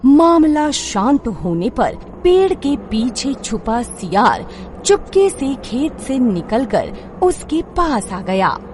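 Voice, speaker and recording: Slow expressive woman storyteller. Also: sits high, noisy background. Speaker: narrator. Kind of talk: scripted story narration.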